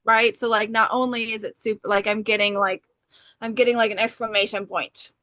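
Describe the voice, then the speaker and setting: A woman's voice: mid-range voice, level tone, brisk, sharp tone, no room sound. A woman co-hosting an astrology podcast, talking in a bubbly, chatty way with many "like"s and "okay"s. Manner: bubbly, chatty, filler-heavy with frequent "like" and "okay". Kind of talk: casual chat.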